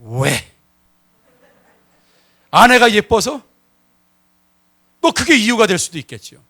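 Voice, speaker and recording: A male pastor preaching a sermon, telling the story with animated acted-out quotes and sudden shifts between loud and hushed speech. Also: high-pitched, slow pace.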